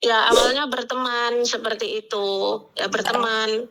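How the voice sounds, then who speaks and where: A woman's voice: on the high side, fairly even intonation, measured pace, a bit bright, rough recording. A middle-aged woman from Indonesia pouring out a personal story as a caller, rambling with fillers and quoting what was said to her. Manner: rambling, with many fillers and quoted dialogue. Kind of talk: emotional personal confession.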